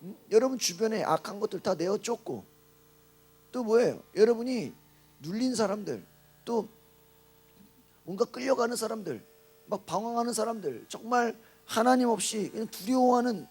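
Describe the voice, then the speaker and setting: Male pastor, high and husky, early-morning sermon, keeps prompting listeners with rhetorical questions. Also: animated, normal speed, darkish tone. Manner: asks the congregation rhetorical questions.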